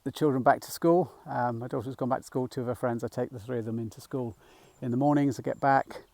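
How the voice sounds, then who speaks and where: A middle-aged man talking gently while walking outdoors, a little out of breath, rambling with fillers as he guides a mindfulness practice. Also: mid-range voice, fairly even intonation, fast talker, vocal fry, no echo. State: slightly out of breath. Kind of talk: casual walking vlog. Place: outdoors in a field by a small woodland.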